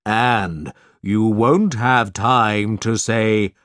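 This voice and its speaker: A man voicing a solemn, commanding male djinn spirit in a storybook reading, speaking slowly and sternly. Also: lowish voice, steady tone, a bit bright, no echo, clean studio sound. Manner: slow, stern, deliberate.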